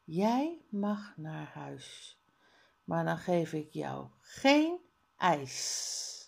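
A woman doing a calm, patient schoolteacher. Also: low-pitched, extremely slow, gravelly, heavily acted. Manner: soft, quiet, gently firm. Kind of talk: reading a children's book aloud.

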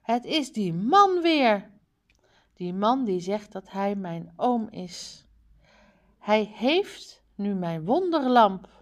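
A woman reading the lines of Aladdin, a determined young hero, slowly and plainly from a storybook. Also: medium pitch, very animated. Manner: slow, plainly read dialogue.

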